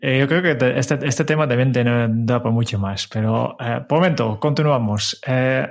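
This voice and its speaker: A male host moving the interview along, with a halting delivery full of fillers. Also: medium pitch, gravelly. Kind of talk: interview moderation.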